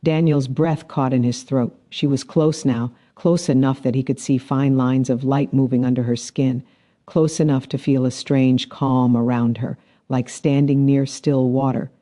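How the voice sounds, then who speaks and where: Brief: male narrator, measured and dramatic, warm mellow mid-pitched voice. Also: fairly even intonation. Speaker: story narrator. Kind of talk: scripted narration.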